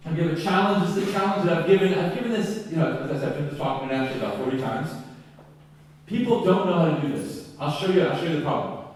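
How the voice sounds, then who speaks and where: A man giving an enthusiastic, animated conference keynote, acting out classroom exchanges as he teaches. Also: on the high side, quick pace. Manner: animated, enthusiastic, acts out dialogue. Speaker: keynote speaker. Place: lecture hall. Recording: echoey hall from far off.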